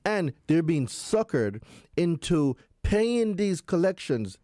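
A man's voice: on the high side, very animated, slow pace, warm tone, no room sound, studio quality. A man with a Jamaican accent explaining things in an emphatic, instructive, conversational way, like an expert guest.

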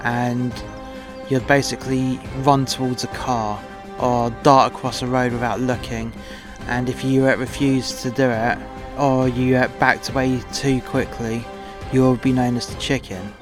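A man's voice: mid-range voice, flat delivery, unhurried, natural voice. Man playing a cocky starship captain over music. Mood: cocky, explaining. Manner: informal, sweary, commanding. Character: gung-ho male starship captain, foul-mouthed, reckless and cocky. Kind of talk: audio drama acting. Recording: loud music behind the voice.

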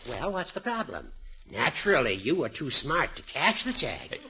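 An actor playing a wily, teasing old judge in 1950s radio comedy, smooth-talking and mock-solemn. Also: male voice, on the high side, wildly swooping pitch, normal speed, a crowd in the background. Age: older. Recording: dull, noisy 1950s radio recording.

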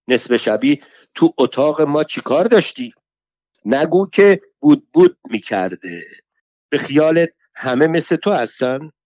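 A man voicing a foul-mouthed, quarrelsome old pilgrim woman who shouts abuse in a theatrical way. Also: a little high, no echo, voice pushed up, lightly acted. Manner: shouting insults, abusive, theatrical. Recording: dull lo-fi dry recording.

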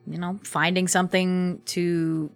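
A young woman with a lowish voice chats as a podcast guest. She talks loosely, laughs easily and often restarts her sentences. Her voice sits close and dry on the mic. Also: flat delivery, unhurried, creaky, clear, resonant tone, dry recording. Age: young adult. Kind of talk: casual podcast interview.

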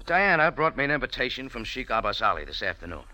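A man with a mid-range voice plays a hard-boiled, wisecracking cafe owner narrating his own adventure in 1940s radio style, tough and wry with quick quips. His delivery is very animated, pushed and bright, and the recording is dry.

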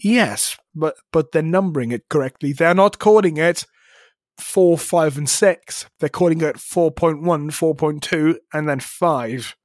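A man's voice: fairly high pitch, a little slow. A man co-hosting a podcast, chatting casually in a blunt, sarcastic way. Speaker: podcast co-host. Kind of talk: casual chat.

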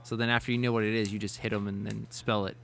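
A man's voice: lowish voice, flat delivery, quick pace, creaky, a bit bright, slight background noise. A man running a casual quiz among friends, rambling with restarts and frequent laughs. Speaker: quiz host. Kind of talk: casual gaming chat.

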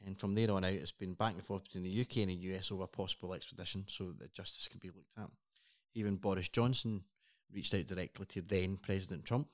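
Earnest man, low voice. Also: fairly even intonation, quick pace. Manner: earnest, rambling with restarts. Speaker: co-host. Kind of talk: casual chat.

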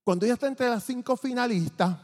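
A man giving a testimony from the pulpit, telling his story in an animated way and acting out the dialogue. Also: very high-pitched, fast. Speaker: church testimony speaker. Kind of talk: testimony preaching. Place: church sanctuary. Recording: long church reverb.

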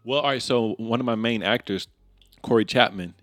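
A man who directs films, a guest on a podcast, telling a story in a halting way that repeats words. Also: mid-range voice, dry recording. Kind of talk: casual podcast chat.

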